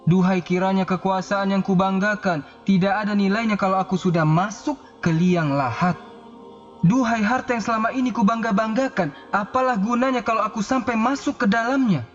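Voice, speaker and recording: A man's voice: sits high, normal speed, voice pushed up, lightly acted. A male preacher voicing a pious older caliph, sorrowful and pleading as he speaks. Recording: slightly dull recording with faint music.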